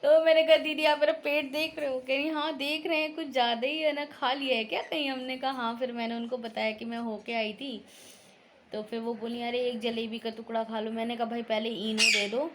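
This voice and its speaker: A young woman with a fairly high voice chats to camera in a loose, storytelling way, sounding tired and sleepy. Faint noise hums behind her. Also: level tone, a little fast. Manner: chatty storytelling, quoting relatives. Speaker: vlogger. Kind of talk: casual chat to camera.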